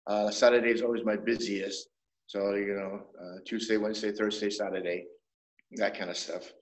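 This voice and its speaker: A man in his seventies, a traditional medicine doctor, explaining things in a measured way as an interview guest, often restarting his sentences. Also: lowish voice, flat delivery. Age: 70s. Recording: roomy echo.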